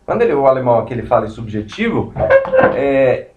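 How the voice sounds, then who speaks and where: A man's voice: mid-range voice, very animated, fast talker, soft background music. A man giving a law lecture, explaining step by step with many digressions as he writes on a board. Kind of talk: recorded classroom lecture. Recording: roomy, distant, muffled lecture recording.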